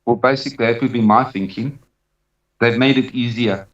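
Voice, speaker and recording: Interviewed as a guest, a South African dog trainer recounts his own experience emphatically, repeating phrases to drive points home. His voice is mid-range and his pace moderate, though the sound is distant, roomy and dull.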